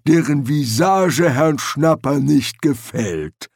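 A man voicing a calm, unhurried male troll who works as a bouncer in an audiobook. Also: a little high, no room sound, clean studio sound, voice pushed up. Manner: slow and calm.

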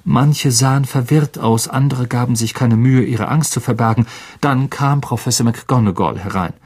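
A man reading an audiobook as narrator, expressive and unhurried. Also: medium pitch, breathy edge. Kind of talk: scripted narration.

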